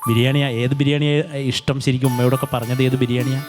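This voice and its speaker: A man's voice: mid-range voice, little pitch movement, fast. Jovial male judge over music. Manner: jovial, brotherly, joking. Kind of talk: judge's critique on a TV talent show.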